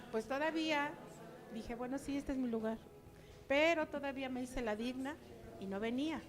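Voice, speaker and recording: An older woman giving a chatty personal testimony to her church, acting out remembered dialogue. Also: high voice.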